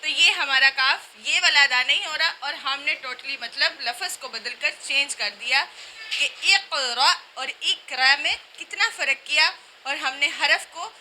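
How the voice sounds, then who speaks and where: A woman teaching a recitation class, explaining pronunciation and slowly repeating sounds and words to demonstrate them. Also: high voice, pushed and bright, slight background noise, rough recording.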